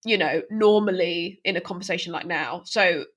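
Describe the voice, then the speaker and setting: Bright-voiced woman who stammers. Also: lowish voice. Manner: stammers at times, quick to agree and laugh. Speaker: podcast co-host. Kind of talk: casual chat.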